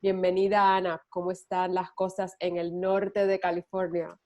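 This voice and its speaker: A woman hosting a podcast, introducing the episode and her guest in a brisk, upbeat way. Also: on the low side, level tone, mellow. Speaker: podcast host.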